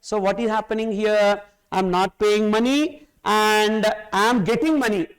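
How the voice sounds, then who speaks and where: Male teacher, South Indian accent, high clear voice, emphatic question-and-answer lecturing, repeats key phrases. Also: steady tone, a little slow, low-quality recording. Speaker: tax course teacher. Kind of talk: classroom lecture, explaining with questions and examples.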